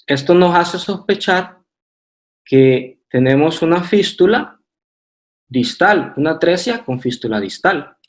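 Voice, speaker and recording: A man's voice: on the high side, animated, slow pace. A man with a Honduran Spanish accent presenting a radiology lecture from slides, methodical, with hesitant fillers and restarts.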